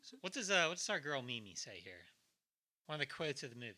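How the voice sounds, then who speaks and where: A man's voice: medium pitch, sing-song, quick pace, bright, forceful tone. A man hosting a podcast in a casual, comedic movie-recap chat, joking and swearing as he goes. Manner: joking, swearing, slips into mock impressions.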